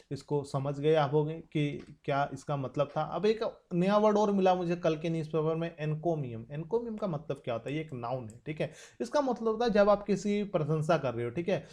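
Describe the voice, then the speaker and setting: A young man with an Indian accent gives an exam-prep vocabulary lesson. His voice is slightly high and warm, and he slows right down to read each English example sentence carefully. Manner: explains in Hindi, reads English example sentences slowly. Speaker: vocabulary teacher.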